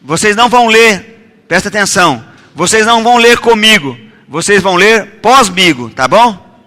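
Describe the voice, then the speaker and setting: A man preaches in a high, bright, forceful voice. He keeps calling for responses and builds up to loud, emphatic repeated declarations. His voice carries a long reverb from a church hall. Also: expressive, moderate pace. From Goiás, Brazil. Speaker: pastor. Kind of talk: sermon with call-and-response.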